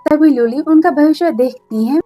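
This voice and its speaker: High-voiced woman retelling a drama. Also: warm tone, dry recording, soft background music. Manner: brisk, plain storytelling. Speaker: drama recap narrator. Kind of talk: fast retelling of a drama plot.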